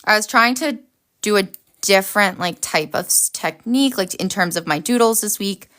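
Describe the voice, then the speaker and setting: Woman, livestream host, bright chatty voice, upbeat and reacting to chat. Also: mid-range voice, moderate pace.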